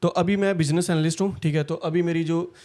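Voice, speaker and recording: Fast-talking young man from India. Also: fairly high pitch, fairly even intonation, a little mellow. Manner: fast, storytelling, frequent fillers. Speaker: interviewee. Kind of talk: casual interview chat.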